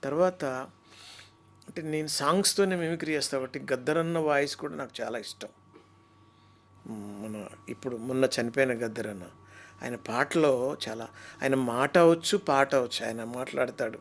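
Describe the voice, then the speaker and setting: A man, a mimicry artist, telling stories in an animated, talkative way during an interview. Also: mid-range voice, moderate pace, pauses often. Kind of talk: interview chat.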